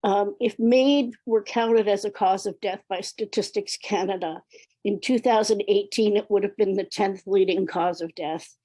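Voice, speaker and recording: A woman's voice: mid-range voice, fairly even intonation, moderate pace, dark tone, no room sound. Woman speaker with a weak, cold-affected voice. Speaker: panel speaker. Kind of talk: prepared public talk with halting delivery.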